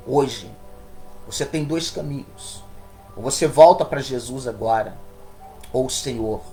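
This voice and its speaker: A man voicing a devout wife who speaks to her husband in a low, firm, solemn way. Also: mellow, close to an everyday voice.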